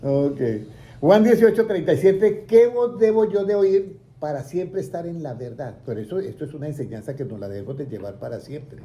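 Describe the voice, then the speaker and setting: A man with a fairly high, expressive, warm voice speaks at a moderate pace. He's a Bible teacher leading a small indoor group, asking questions and leaving sentences open for listeners to finish.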